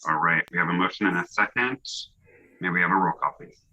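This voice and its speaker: A man's voice: deep voice, fast talker, pushed and bright. A man politely chairing a public commission meeting over a video call. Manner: polite, procedural. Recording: dull lo-fi call audio.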